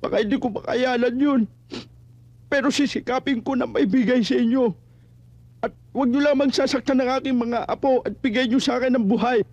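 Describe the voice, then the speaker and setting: A worried wealthy old grandfather, with a voice pitched very high for a man. He pleads and then turns stern, and the old film audio sounds dull and dry. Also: fairly even intonation, brisk, darkish tone, no echo. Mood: anxious. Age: older. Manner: pleading yet stern, steadies himself. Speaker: kidnapping victim's grandfather. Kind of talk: film drama acting.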